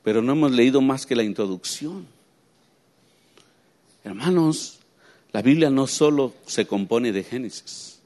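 A man preaching a sermon, swinging between quiet low asides and high excited emphasis and often asking his listeners questions. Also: measured pace, long pauses. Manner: asks the congregation rhetorical questions.

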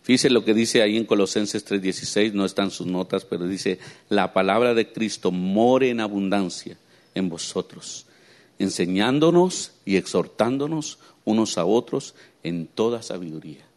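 A man preaching a sermon, swinging between quiet low asides and high excited emphasis and often asking his listeners questions. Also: normal speed. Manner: asks the congregation rhetorical questions.

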